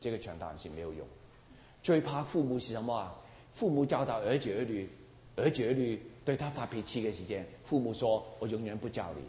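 A man's voice: medium pitch, lively intonation, brisk, dark tone, a little hiss or hum. A man preaching a sermon emphatically, often asking the congregation rhetorical questions. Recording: roomy hall with long reverb.

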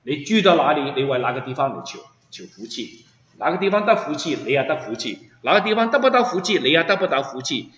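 A man's voice: on the high side, sing-song, fast, fairly bright tone. A man preaching a sermon as pastor, emphatic and full of rhetorical questions to his listeners. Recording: echoey hall, dull sound.

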